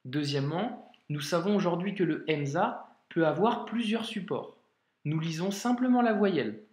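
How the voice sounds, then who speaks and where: A man teaching a video lesson in a patient, informal way, talking straight to the learner and drawing out example words slowly. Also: high-pitched, lively intonation, darkish tone. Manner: slow, drawn-out modeling of example words. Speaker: Arabic reading teacher. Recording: echoey room.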